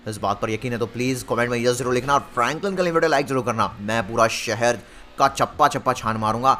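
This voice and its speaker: A young gaming YouTuber narrates a video game story with excitement and drama, addressing his viewers directly and urging them to comment. His medium-pitched voice is quick and sharp, with slight background noise.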